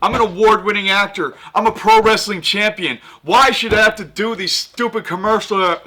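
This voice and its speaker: An actor playing an arrogant, temperamental pro wrestler in a comedy sketch, complaining with boastful indignation. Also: male voice, high voice, steady tone, moderate pace, bright, forceful tone. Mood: boastful, outraged.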